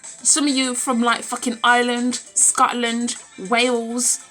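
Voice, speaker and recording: This high-ish female voice moves little in pitch, comes at a slow pace and sounds pushed and bright, with soft music in the background. She's a UK vlogger around thirty, filming herself at home on a phone at arm's length. Her talk to camera is casual, blunt, emphatic and full of opinion, with swearing and phrases repeated for emphasis.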